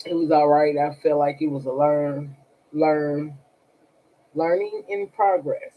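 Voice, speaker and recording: Slow, husky-voiced woman chatting bluntly. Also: low-pitched, fairly even intonation, narrow, tinny audio. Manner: blunt and profane, talks to chat directly. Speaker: tarot reader on a livestream. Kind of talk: casual livestream chat.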